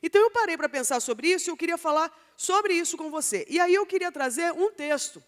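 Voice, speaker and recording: A woman's voice: very high-pitched, animated, a little fast. A Brazilian woman preaching a Sunday sermon, speaking straight to the congregation and asking it question after question. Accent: Brazilian Portuguese. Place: church hall. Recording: church hall with long reverb.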